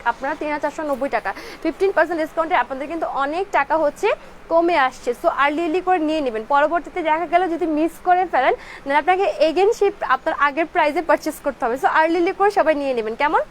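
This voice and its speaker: A high-pitched woman from Bangladesh sells clothing on a live stream, blending English into her talk and going over product codes and prices again and again. She's fasting, her throat slightly dry, and some light background noise is audible.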